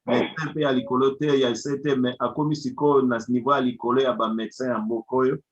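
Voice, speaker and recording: A man's voice: medium pitch, little pitch movement, fast. A man hosting an online community meeting, switching between English, Lingala and French in a casual way. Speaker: community group host. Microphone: video call. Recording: dull lo-fi video call audio.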